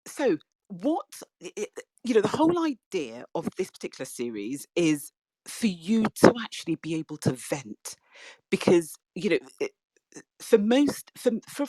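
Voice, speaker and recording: A woman's voice: sits low, a little mellow, no room sound, poor audio. A woman hosting an interview, asking a long rambling question full of fillers and restarts. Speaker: podcast host. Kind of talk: casual interview on a social audio app.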